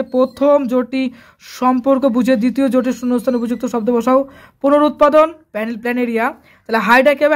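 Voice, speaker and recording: A teacher briskly going through exam answers, repeating each key term and telling students to write it down. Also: medium pitch.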